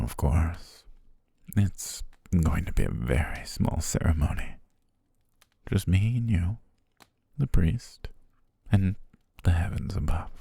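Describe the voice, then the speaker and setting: A voice actor in an intimate ASMR romance roleplay plays an obsessive, doting male butler, a softly menacing captor-fiancé. His dark, deep voice is breathy, husky and gravelly, often sinking near a whisper as he coaxes tenderly with lingering pauses and soft menace. Heavily acted, it is recorded close on a dry studio mic with no room sound.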